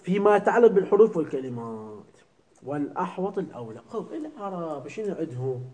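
High-voiced teacher quizzing students. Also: male voice, big pitch swings, quick pace, dark tone, poor audio. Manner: keeps asking students "clear?" and quizzing them. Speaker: religious teacher. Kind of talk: seminary jurisprudence lesson.

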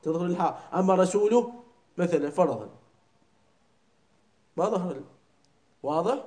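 A man leads a religious class, his voice sitting somewhat high. He keeps stopping to ask whether he is understood and repeats words slowly to drill their pronunciation. The sound bounces around an echoey room. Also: lively intonation, mellow. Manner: keeps checking understanding with short questions. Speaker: religious teacher. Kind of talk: classroom lesson on prayer recitation.

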